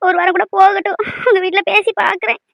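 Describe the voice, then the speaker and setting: A woman's voice: very high-pitched, steady tone, fast talker, fairly bright tone, dry recording. A woman voicing a sobbing cartoon mother. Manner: sobbing, pleading, then soothing. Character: grief-stricken mother at her injured son's bedside. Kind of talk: cartoon voice acting.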